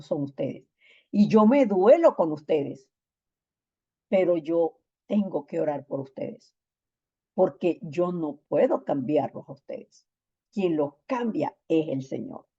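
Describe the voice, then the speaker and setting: Slow, mellow-voiced woman pastor preaching. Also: on the low side, breathy edge, highs cut off. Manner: emphatic, repeats phrases for stress. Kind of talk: sermon.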